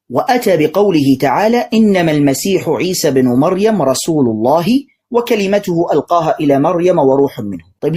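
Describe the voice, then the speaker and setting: A man giving animated polemical commentary as a religious debater. He mocks his opponent, asks rhetorical questions and quotes scripture. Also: sits high, slightly rough. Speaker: religious debater responding to clips.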